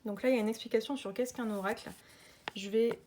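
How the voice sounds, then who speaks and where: A woman's voice: fairly high pitch, fairly even intonation, fast, darkish tone, slight background noise. A woman chatting casually and enthusiastically through an unboxing, with lots of hesitations. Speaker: tarot and oracle deck reviewer.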